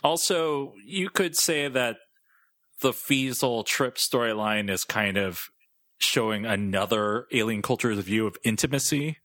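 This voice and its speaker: A man co-hosting a casual podcast chat, speaking haltingly as he searches for words. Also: medium pitch, fairly bright tone, no echo. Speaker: podcast co-host.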